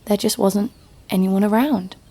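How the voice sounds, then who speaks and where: Dark-toned and medium-pitched, this woman's voice stays fairly even at a measured pace. She voices a hard, sardonic fighter wryly recounting her own tale in first-person audio drama narration, scripted and full of dry humour.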